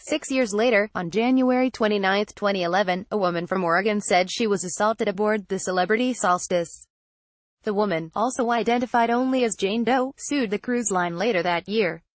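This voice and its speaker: A woman narrating a news report in a steady, scripted read. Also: mid-range voice, fairly quick, dry recording.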